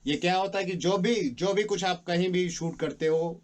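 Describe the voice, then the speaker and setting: A man's voice: high-pitched, normal speed. A man running a dubbing studio, explaining the process and coaching an actor with impatient corrections. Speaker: dubbing studio operator and director. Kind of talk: instructional explanation.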